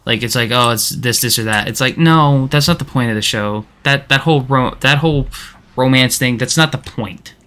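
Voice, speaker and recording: A man's voice: mid-range voice, moderate pace, sharp tone, smooth. A man streaming a game, chatting casually and rambling with lots of restarts and fillers. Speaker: gaming streamer. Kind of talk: casual chat while playing.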